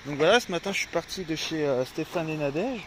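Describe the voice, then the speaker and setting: A man's voice: on the high side, animated, a little fast, noisy background. A French man chatting casually in a vlog from a farm and his van, rambling with many fillers and restarts, groggy before his coffee. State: groggy, just woke up. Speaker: vlogger.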